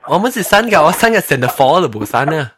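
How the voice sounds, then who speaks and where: Guy telling school stories, bright voice, pitch all over the place. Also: brisk, slight background noise. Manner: laughing, animated storytelling, code-switching. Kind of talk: casual chat.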